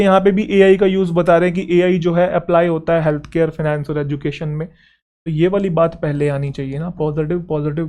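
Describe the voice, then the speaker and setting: A man teaching English grammar for exam preparation, explaining step by step and checking in with quick rhetorical questions. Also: high-pitched, a little mellow. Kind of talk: Hindi exam-prep lecture.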